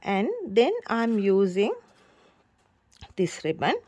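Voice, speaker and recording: A woman's voice: medium pitch, expressive, takes it slowly, a little mellow. A woman with a Sri Lankan accent, a native Sinhala speaker, giving an informal step-by-step tutorial with simple, repeated phrasing. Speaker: craft tutorial host. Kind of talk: informal instructional demonstration.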